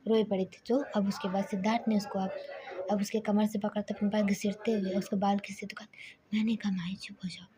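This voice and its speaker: A woman's voice: mid-range voice, little pitch movement, fairly quick, background noise. A woman narrating a spoken story casually, often restarting her sentences and sometimes whispering. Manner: loose, self-correcting, partly whispered.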